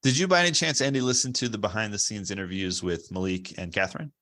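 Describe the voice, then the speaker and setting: A man's voice: on the low side, quick pace, a bit bright. Chatty male podcast host. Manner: chatty, full of fillers, asks long questions. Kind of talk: casual interview questions.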